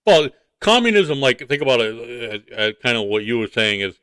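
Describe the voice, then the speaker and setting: A man's voice: mid-range voice, big pitch swings, normal speed, fairly bright tone, clear, resonant tone, no echo. A man co-hosting a casual morning show, talking in blunt, rambling, repetitive banter. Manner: blunt, rambling, repeats himself.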